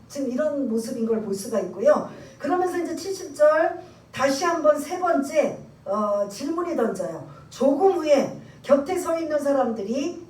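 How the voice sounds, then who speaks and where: A woman's voice: sits high, a little mellow. A woman pastor preaching a sermon, acting out the scene and putting questions to her congregation. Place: church sanctuary. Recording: echoey church from far off.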